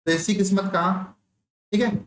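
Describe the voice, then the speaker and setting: A man's voice: high-pitched, fairly even intonation, moderate pace. A man teaching an online nursing exam class, telling a story and quizzing his students with repeated questions. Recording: echoey room with faint ambience.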